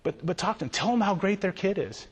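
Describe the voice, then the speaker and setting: A man speaking as a youth pastor, telling stories in an animated way and often repeating himself. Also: high voice, fast talker, breathy edge, muffled recording. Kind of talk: storytelling conference talk. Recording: long hall reverb.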